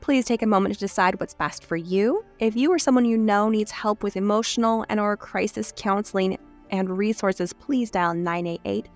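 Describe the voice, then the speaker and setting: A woman co-hosting a true-crime podcast, speaking at an ordinary middle pitch in an easy, casual way. Faint music runs beneath her voice. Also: moderate pace. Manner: casual, laughs easily, reads intros in a mock-spooky tone. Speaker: podcast co-host.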